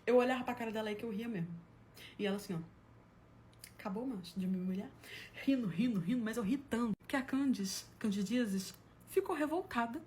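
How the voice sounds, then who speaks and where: Woman, fast comic storytelling, raised pitch, animated, faint background hiss. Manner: animated, laughs at her own story, acts out quotes.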